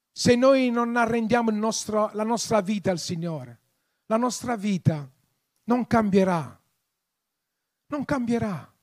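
A man preaching a sermon, passionate, swelling into loud, emphatic appeals. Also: high voice. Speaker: pastor.

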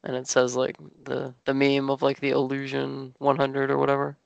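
A man's voice: mid-range voice, monotone, moderate pace, creaky, clean tone, no room sound, dull audio. A man co-hosting a podcast in casual chat, teasing and sarcastic, swearing freely. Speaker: podcast co-host.

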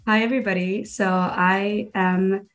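A woman's voice: medium pitch, flat delivery, measured pace, soft background music. A young woman from Miami, a guest filmmaker and stand-up comedian, chatting casually in an interview and filling her sentences with "like". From Miami, Florida. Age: young adult. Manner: chatty, lots of "like" fillers.

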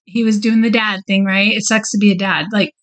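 A woman's voice: mid-range voice, fairly even intonation, fairly quick, low-quality recording. A middle-aged woman co-hosting a podcast, telling stories in a chatty way and laughing easily. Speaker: podcast co-host. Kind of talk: casual chat.

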